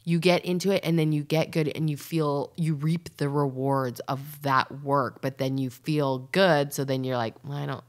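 A Canadian woman comedian, a podcast guest, chatting casually and rambling, sometimes dropping to a breathy whisper. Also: deep voice, fairly even intonation, moderate pace, hardly any pauses. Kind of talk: casual chat.

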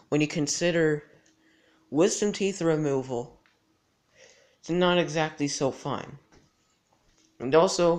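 A teenage male vlogger chatting casually and haltingly, with his mouth not fully closing after dental surgery. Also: on the high side. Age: teens. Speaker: gaming channel host. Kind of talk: casual vlog chat to camera. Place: indoors in a house. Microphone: handheld device at arm's length.

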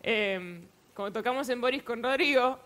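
A woman's voice: on the high side, moderate pace, a bit bright. A young woman from Argentina, a singer-songwriter, chatting casually in a TV studio interview with easy laughs and hesitant fillers. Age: young adult. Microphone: headset mic.

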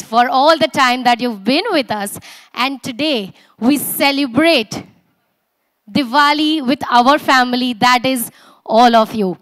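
High-pitched Indian woman hosting on stage. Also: dry recording. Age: young adult. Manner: energetic, projected, rousing delivery. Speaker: event host and emcee. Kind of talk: corporate stage hosting, announcing to an audience. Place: large auditorium stage. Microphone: handheld and podium microphone.

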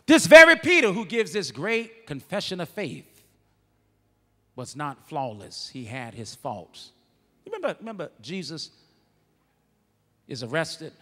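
A man preaching a sermon as pastor, moving from quiet, conversational asides to loud, shouted peaks. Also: fairly high pitch, big pitch swings, a little slow, pauses often, in a large hall. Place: church sanctuary.

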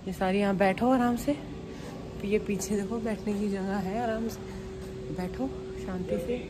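Holding her phone at arm's length, a young woman with an Indian accent gives a relaxed, slightly slow walking-tour vlog through large indoor museum halls, chatting with viewers and pointing things out. Her pitch sits in the middle, and the busy halls keep up a steady background noise.

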